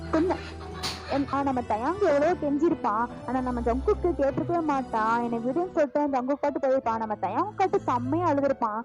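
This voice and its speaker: Woman narrating a fan story, very high voice. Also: expressive, quick pace. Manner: chatty, addresses listeners familiarly. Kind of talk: casual fan fiction narration. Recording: lo-fi voice with music behind.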